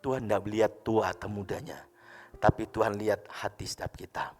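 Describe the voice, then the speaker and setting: A male pastor giving a sermon, telling a story and acting out the dialogue, with sudden loud bursts. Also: lowish voice, fairly even intonation, brisk, in a large hall, soft background music. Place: church.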